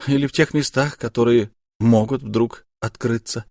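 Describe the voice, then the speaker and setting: A male narrator voicing a bruised young noblewoman who speaks softly, with a bitter, wistful edge. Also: mid-range voice, fairly even intonation, normal speed, creaky, no room sound, studio quality, natural voice. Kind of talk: audiobook character voice.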